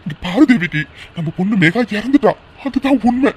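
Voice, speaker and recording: A man's voice: high-pitched, expressive, normal speed, slightly rough, full character voice. A man voicing an anxious, stubborn middle-aged father in a cartoon drama, who repeats his words. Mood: pleading.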